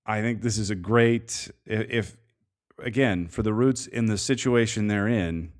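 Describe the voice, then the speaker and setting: A man co-hosting a casual sports podcast, talking through soccer analysis in a measured way, thinking aloud with plenty of fillers. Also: fairly low pitch. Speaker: podcast co-host.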